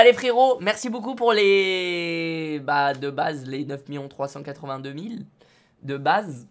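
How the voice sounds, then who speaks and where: A young man streaming live from his studio, talking to his chat in slangy, excitable bursts and shouting when things go wrong. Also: on the high side.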